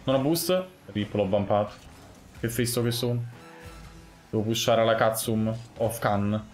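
A young man commentating his own gameplay live, muttering one moment and yelling the next. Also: on the low side, measured pace, roomy sound, soft background music. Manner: excitable, swings from muttering to yelling. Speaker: gaming streamer.

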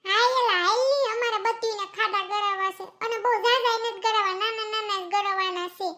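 A woman voicing loud, bossy middle-aged village women in a cartoon comedy, with a Kathiawadi Gujarati accent and a nagging, shouting manner. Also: steady tone. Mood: scolding. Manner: shrill, quick, nagging and shouting.

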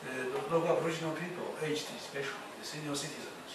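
A university lecturer with a slightly high voice gives a classroom lecture in a halting way, full of fillers and restarts. The mic is distant in an echoey lecture hall, and the recording is noisy.

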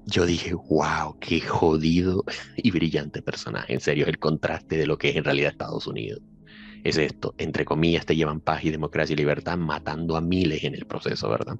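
A man's voice: very deep voice, fairly even intonation, normal speed. A man giving a casual, emphatic film review, swearing freely and repeating filler phrases. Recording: slightly dull audio with faint music behind.

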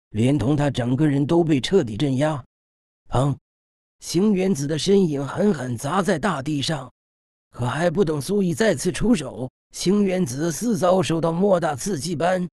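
A man narrating a fantasy audiobook in a steady, dramatic storytelling manner, recorded in a studio. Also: fairly high pitch, no echo.

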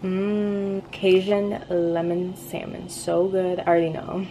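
Speaking slowly in a voice on the low side, this college student talks to her close-held phone camera in a chatty, relaxed day-in-the-life vlog, now and then trailing off softly. She's a young adult filming indoors in her small apartment and office. The recording is low quality, with a little hiss or hum.

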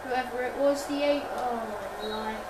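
A woman's voice: a little high, moderate pace, roomy sound, recorded from a distance, heavy background noise. A woman commentating on her own football video game, exclaiming at the screen as she plays. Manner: excitable, frequent exclamations at the screen. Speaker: gaming channel host.

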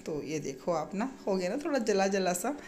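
A woman's voice: mid-range voice, big pitch swings, moderate pace, a little mellow. A woman in her thirties from India, chatting casually through a home vlog in her kitchen with a sore throat, often tagging sentences with little fillers. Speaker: vlogger and mother.

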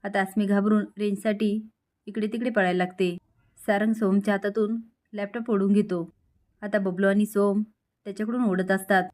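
A woman narrating a scripted story recap of a television serial in a steady, plain storytelling manner. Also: mid-range voice, normal speed.

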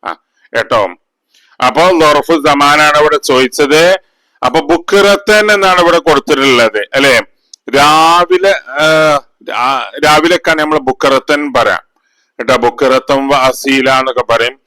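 A man teaching an exam revision lesson as an Arabic teacher, repeating terms, asking pupils questions and chanting grammar rhymes slowly. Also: a little high, bright, forceful tone, dry recording, poor audio.

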